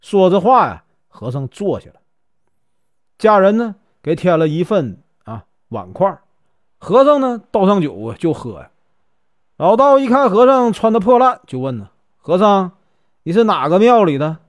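A male storyteller with a Northeastern Chinese accent, spinning a folk tale in a chatty, colloquial way. His voice sits fairly high and swings widely in pitch, recorded dry and close. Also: no echo. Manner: lively, colloquial with drawn-out particles.

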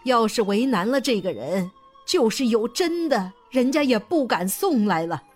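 Stern, kindly old grandmother, done by a man, slow and high for a storybook. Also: big pitch swings, faint music behind, full character voice. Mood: firm, lenient.

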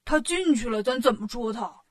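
A woman's voice: on the high side, expressive, normal speed. A woman voicing a clumsy, greedy male pig-monk in a children's storybook reading, with gasping, whiny exclamations. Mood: jokey.

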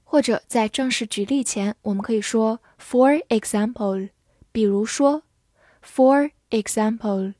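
A woman teaching English vocabulary, spelling each word letter by letter and reading example sentences slowly for practice. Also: a little high, dark tone, dry recording, clean studio sound. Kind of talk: vocabulary lesson.

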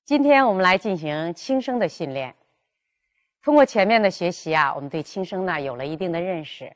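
A woman leads a pronunciation lesson with a lowish, even voice. She explains slowly and clearly, then sounds out example words one at a time. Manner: clear, measured, demonstrating tones. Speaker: Mandarin pronunciation teacher. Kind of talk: classroom lesson.

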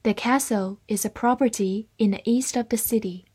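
A woman's voice: a little high, a little mellow. A woman English teacher drilling vocabulary, saying each word twice and then giving its meanings. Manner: slow, clear word-by-word drilling. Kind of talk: vocabulary lesson.

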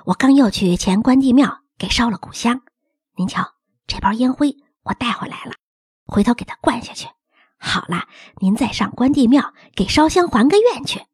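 Woman voicing a superstitious older nanny, chatty, fretful, breathy, close dry sound. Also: on the high side, expressive, normal speed, darkish tone, dry recording, voice pushed down. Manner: fretful, gossipy, folksy. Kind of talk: audiobook character reading.

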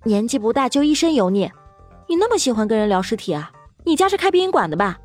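A woman voicing a young rookie policewoman in an audiobook drama, sharp-tongued and brisk. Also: on the high side, expressive, soft background music, lightly acted. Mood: scolding. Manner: scolding, brisk.

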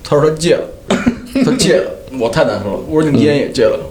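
Animated storytelling man. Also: on the high side, a little fast, echoey room, heavy background noise. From Henan, China. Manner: animated storytelling, laughing through punchlines. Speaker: comedian. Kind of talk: storytelling in casual podcast chat.

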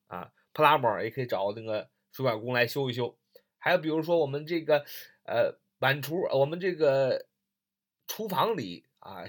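A man gives a recorded English reading lesson. His pitch rises and falls a great deal as he repeats each phrase and spells the words out slowly. He fills the pauses between explanations with short particles. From northern China. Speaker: English teacher.

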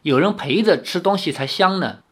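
A man's voice: high voice, normal speed, slightly rough, pitched above the performer's own voice. A man voicing a cheeky young male rascal in a storybook reading, teasing and sarcastic. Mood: coaxing.

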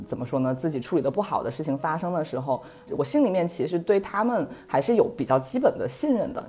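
A woman in her thirties chatting casually on a podcast, telling a story in a lively way and laughing often. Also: deep voice, husky. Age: 30s. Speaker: podcast guest.

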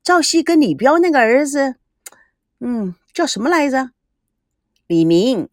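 A woman's voice: sits high, sing-song, measured pace, no echo, studio quality, pitched above the performer's own voice. A woman voicing a chatty, gossipy older rich woman at a mahjong table, exclaiming at every turn. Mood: gossiping.

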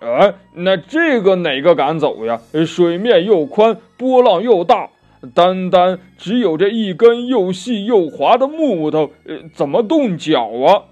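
A man voicing a lazy, fearful pig-man pilgrim who whines and pleads loudly in a children's story. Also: high-pitched, very animated, a little slow, highs cut off, faint music behind. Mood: whining, scared. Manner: loud whining, pleading.

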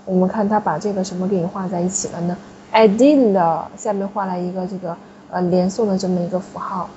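Woman, classroom teacher, patient explainer, mellow tone, lo-fi sound. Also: fairly low pitch, steady tone, a little fast, a little hiss or hum. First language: Chinese. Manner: patient, explanatory, frequent tag questions. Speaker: French teacher. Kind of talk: classroom lesson.

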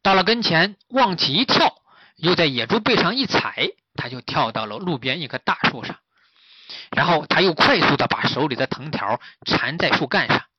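A man narrating a children's adventure story, his pitch swinging widely as he acts out the action. The recording is dry and close, with a slightly dull, muffled tone. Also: moderate pace, breathy edge, no room sound. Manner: lively, animated storytelling.

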